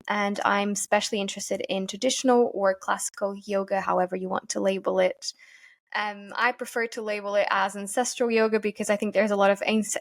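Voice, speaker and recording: A woman from Portugal, a yoga teacher giving earnest, thoughtful interview answers and often pausing to find her words. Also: mid-range voice. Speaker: podcast guest, yoga teacher.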